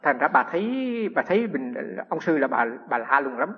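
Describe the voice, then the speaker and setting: A man, a Buddhist monk giving a humorous storytelling sermon with lively anecdotes and frequent restarts. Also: a little high, normal speed, husky. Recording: echoey hall, dull lo-fi sound.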